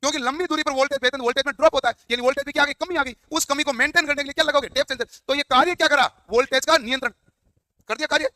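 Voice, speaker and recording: A high-voiced man lectures at a quick clip. His tone is bright and forceful as he quizzes the class and answers his own questions. The sound is dry and close. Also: dry recording. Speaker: teacher.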